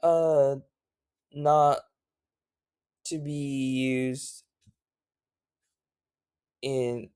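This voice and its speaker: A tired language tutor giving a casual spoken lesson, halting often with fillers and self-corrections. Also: medium pitch, fairly even intonation, warm tone, clear, resonant tone, no echo. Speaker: language teacher.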